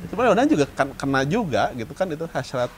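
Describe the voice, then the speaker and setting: A man's voice: on the high side, fast talker, slight background noise. A man, co-hosting a casual podcast chat and telling stories with joking asides. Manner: animated storyteller, joking asides.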